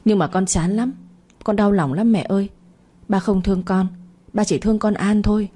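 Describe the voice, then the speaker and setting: A woman's voice: mid-range voice, fairly even intonation, moderate pace, dark tone, natural voice. A woman voicing a jealous, spoiled young daughter who talks in a whiny, spiteful way. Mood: sobbing complaint.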